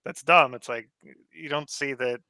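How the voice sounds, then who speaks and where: A man's voice: mid-range voice, fairly even intonation, moderate pace, bright, forceful tone, no room sound. A man in a casual podcast chat, talking earnestly in long, rambling, self-restarting sentences. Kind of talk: casual banter.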